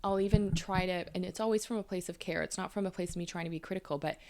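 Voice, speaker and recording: A woman's voice: fairly low pitch, steady tone, racing, darkish tone. A Canadian woman in her thirties, a couples therapist, explaining her views thoughtfully with examples in a conversational interview.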